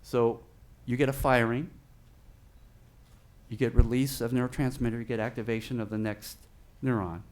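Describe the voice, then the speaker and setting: A man's voice: medium pitch, little pitch movement, moderate pace, a little mellow. Lecturing man echoing in a big hall. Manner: explanatory, checks in with "okay?" and car analogies. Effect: echo of a big hall on his voice. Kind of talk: teaching lecture on brain science.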